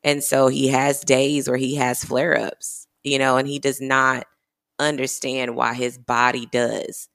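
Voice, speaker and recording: A woman's voice: a bass voice, flat delivery, unhurried, vocal fry, a bit bright. A woman in her thirties telling a heartfelt personal story in casual podcast talk, full of "you know" fillers.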